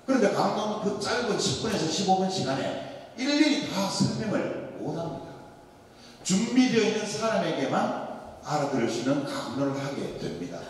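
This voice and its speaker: A high-pitched male priest from Daegu, South Korea, speaks in the Daegu dialect, delivering a Lenten sermon lecture as an animated, joking storyteller fond of rhetorical questions. He's in a large church hall, picked up by a distant mic with heavy echo and slight background noise.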